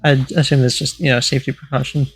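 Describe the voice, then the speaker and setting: A young man in casual podcast talk with a gravelly, fry-edged voice. He speaks in a measured, matter-of-fact way, hesitating with ums. Soft music sits faintly in the background. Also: medium pitch, flat delivery, low-quality recording. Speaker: podcast co-host. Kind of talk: casual chat.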